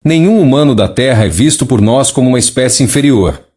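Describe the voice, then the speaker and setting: A synthetic text-to-speech man's voice narrating a formal scripted proclamation in a measured way. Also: mid-range voice, animated, darkish tone. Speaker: narrator reading a channeled message.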